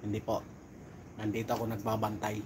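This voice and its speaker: A middle-aged man chatting casually on a live stream while on night volunteer duty outdoors, giving viewers shout-outs. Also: lowish voice, monotone, brisk, background noise.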